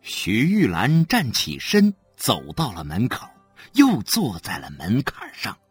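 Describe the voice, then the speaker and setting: An audiobook narrator reading a novel slowly and expressively. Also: medium pitch, breathy edge, soft background music. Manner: slow, expressive storytelling.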